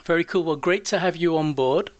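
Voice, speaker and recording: A man's voice: a little high, fairly quick, no room sound, lo-fi sound. A man hosting a casual podcast, chatty and encouraging as he puts questions to his guests. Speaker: podcast host. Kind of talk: casual interviewing.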